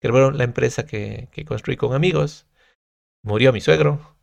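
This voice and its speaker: A man's voice: medium pitch, moderate pace, creaky, no room sound. A man talking as a guest on a podcast, earnest and reflective, stressing his points as he tells stories from his own life. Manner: earnest, reflective, emphatic storytelling with restarts. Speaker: podcast guest, content creator. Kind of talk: casual podcast conversation.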